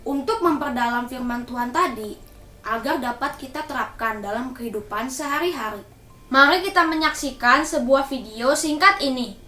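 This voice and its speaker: Bright high woman's voice reading a devotion. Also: normal speed. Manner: formal, recited address to teachers and classmates. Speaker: devotion leader at a school. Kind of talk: scripted Bible reflection. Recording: echoey room.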